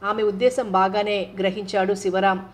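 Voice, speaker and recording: A woman narrating a novel as an audiobook reader, in steady, even storytelling. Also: mid-range voice, moderate pace.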